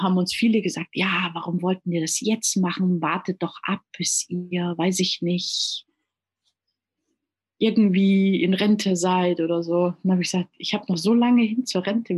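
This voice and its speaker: Speaking at a moderate pace, this interview guest has a husky, darkish, fairly low voice. She is from Germany, a native German and Italian speaker, and in the casual conversation she speaks earnestly, frequently repeating words as she looks for what comes next.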